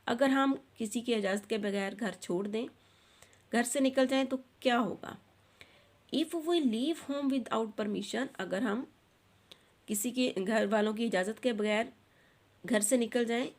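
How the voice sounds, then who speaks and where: A woman teaching an online textbook lesson, reading the English lines slowly and then explaining them quickly in Urdu. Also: medium pitch. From Pakistan.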